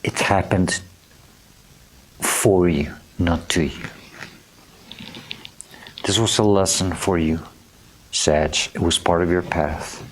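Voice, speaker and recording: A man with a very low voice gives a tarot reading to camera. He talks slowly and gently, reading card meanings aloud and tripping over unfamiliar names. He keeps checking in with his listeners. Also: steady tone, a little hiss or hum. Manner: gentle and earnest, often checking in with "okay?". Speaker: tarot reader.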